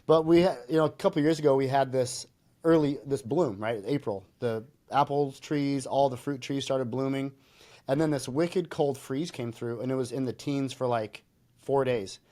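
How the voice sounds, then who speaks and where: Żartobliwy mężczyzna z Waszyngtonu, współprowadzący. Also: male voice, mid-range voice, moderate pace, warm tone. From Washington State. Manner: joking, storytelling, laughs often. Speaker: podcast co-host. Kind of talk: casual joking chat.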